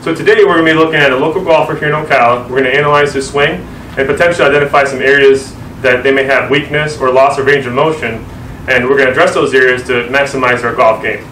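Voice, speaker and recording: A man's voice: mid-range voice, fairly even intonation, fast, fairly bright tone. A man in his thirties, a physical therapist, explaining and asking questions in an instructional way. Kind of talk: explanatory instructional talk and interviewing. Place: mostly outdoors on a golf course. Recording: distant mic with faint background noise.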